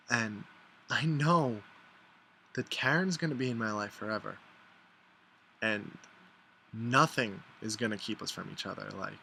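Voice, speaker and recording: A man talking casually and warmly to camera about his best friend, filling his talk with "like" and playing out what friends say. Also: creaky, slight background noise. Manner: chatty, lots of "like", mimics friends in higher voices. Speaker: vlogger. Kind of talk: casual heartfelt vlog.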